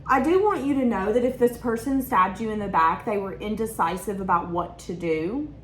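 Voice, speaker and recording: A woman's voice: medium pitch, expressive, moderate pace, fairly bright tone, reverberant, slight background noise. A woman giving a tarot reading to her viewers, talking in an emotional, rambling, repetitive way. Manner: emotional, stream-of-consciousness, repeats herself. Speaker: tarot reader.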